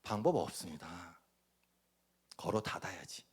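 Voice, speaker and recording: A man preaching a sermon as pastor, dramatic, acting out voices and swinging from loud bursts to near whispers. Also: deep voice, animated, unhurried, husky.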